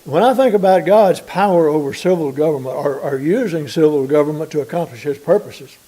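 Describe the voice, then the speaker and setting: An American man preaching a sermon, reading scripture aloud and slowing down deliberately to stress key points. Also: a little high, warm tone, poor audio. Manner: deliberate, slows for emphasis, reads scripture aloud.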